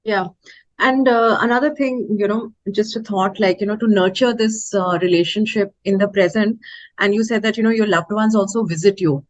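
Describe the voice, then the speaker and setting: Indian woman interviewer, tentative, medium pitch. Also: normal speed. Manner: tentative, thinking aloud. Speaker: podcast host, interviewer. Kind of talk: conversational interviewing.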